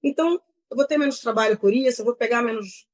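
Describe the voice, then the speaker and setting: A woman's voice: fairly high pitch, fast, rough recording. A woman with a Brazilian Portuguese accent, speaking as an interview guest in a frank, rambling, self-critical way with many restarts. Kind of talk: candid conversational interview.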